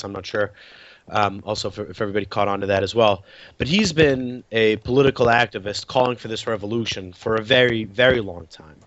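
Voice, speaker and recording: A man speaking as a panelist in an unscripted discussion, emphatic but halting, often repeating his words. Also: medium pitch, fairly bright tone, slight background noise. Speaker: panelist and translator. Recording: muffled online call audio.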